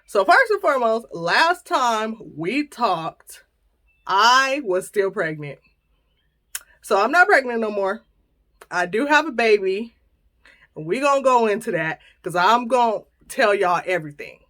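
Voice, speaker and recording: A woman's voice: on the high side, a little slow. A woman in her thirties hosting her own vlog, chatting casually and playfully with viewers. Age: 30s. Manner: lively, chatty, playful storytelling. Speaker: channel host.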